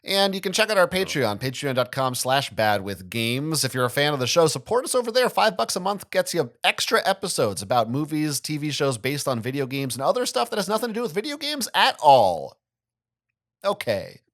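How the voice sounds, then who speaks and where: A man's voice: on the high side, sing-song, fairly quick, a bit bright. A man co-hosting a gaming podcast, chatty and playful, teasing his co-host as he goes. He reads a scripted intro, then shifts into loose, joking banter. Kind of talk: scripted narration then casual chat.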